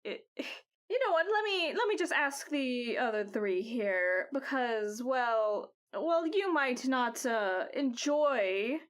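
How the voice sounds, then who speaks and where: A woman voicing an elderly woman who supplies potions and gear in a tabletop game, in a slow, halting old-lady voice. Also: a little high, animated, smooth. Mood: coaxing.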